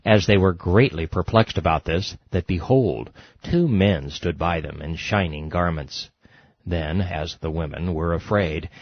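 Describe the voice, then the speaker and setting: A man reading scripture passages in a solemn, steady manner. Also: sits low, dry recording, dull audio. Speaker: scripture reader.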